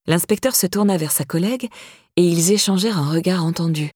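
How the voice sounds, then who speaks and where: A woman reading a crime novel aloud as scripted narration, in an even, measured way. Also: lowish voice, dry recording, clean studio sound. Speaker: audiobook narrator.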